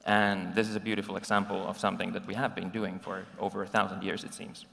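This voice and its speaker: A man's voice: low voice, flat delivery, fast, vocal fry, fairly bright tone, slight background noise. A man in his forties from Finland giving a conversational conference talk with slides, with frequent ums and restarts, recorded live in a conference hall. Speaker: conference speaker.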